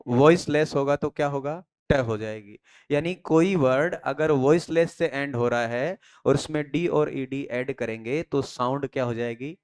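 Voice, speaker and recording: A man's voice: mid-range voice, normal speed, a little mellow, clear, resonant tone. A man from India teaching pronunciation in a classroom lecture. He asks his students questions, answers them himself and drills the key phrases again and again. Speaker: English teacher.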